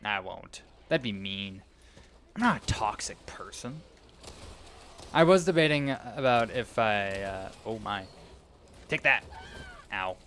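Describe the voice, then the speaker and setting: A man's voice: lowish voice, expressive, slow pace, pauses often, fairly bright tone, slight background noise. A young man giving rambling, casual commentary while playing a video game, often losing his train of thought. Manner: rambling, meandering, self-interrupting. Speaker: gaming video creator.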